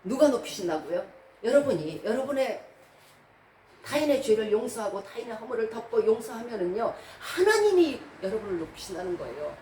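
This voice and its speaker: A woman with a fairly high, very animated voice speaks quickly in a mellow tone. She's a preacher giving a didactic sermon, putting rhetorical questions to her congregation in a church hall during a service. The recording is echoey, with a distant mic and background noise.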